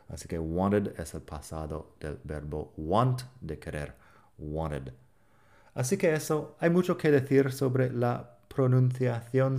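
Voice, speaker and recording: A man teaching pronunciation in a podcast lesson, relaxed and explaining patiently with examples. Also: low voice, gravelly.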